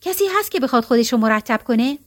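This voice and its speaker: Woman doing a gushing hostess, effusive, welcoming, high voice. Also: lively intonation, close to an everyday voice. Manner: effusive, hospitable.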